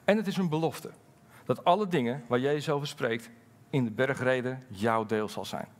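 A middle-aged man preaching a sermon as pastor, lively and candid, moving between loud emphasis and quiet, halting personal asides. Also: mid-range voice. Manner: candid, halting storytelling with fillers.

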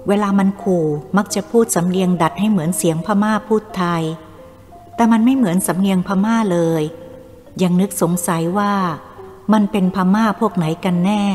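A woman's voice: medium pitch, a little mellow, lightly acted. A woman voicing an indignant young village woman who speaks scornfully, heard over faint music in a long reverb.

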